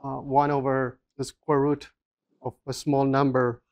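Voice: mid-range voice, level tone, a little slow, dull audio. A physics lecturer giving a university lecture, explaining step by step with frequent restarts and fillers. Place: lecture room.

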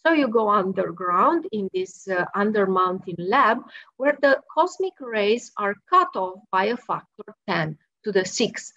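In an evening video call from her work office, a Romanian experimental physicist presents slides in a friendly, explanatory style, with wry asides. She has a mid-range, sing-song, creaky voice that is a bit bright and unhurried, with no room sound. Audio quality is dull and lo-fi.

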